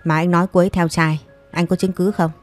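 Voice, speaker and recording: A man's voice: high voice, level tone, fast talker, soft background music, natural voice. A woman voicing a cold, composed young man who speaks with icy firmness, in a storybook reading. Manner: icy, firm.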